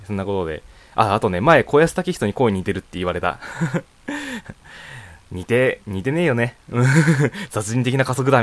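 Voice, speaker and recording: A man's voice: fairly low pitch, no echo. A young man in his student years hosting his own net radio show, talking alone in a loose, rambling way with frequent chuckles and fillers. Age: young adult. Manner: rambling, chuckles often, many casual fillers. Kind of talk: casual solo talk answering a voice questionnaire. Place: home room.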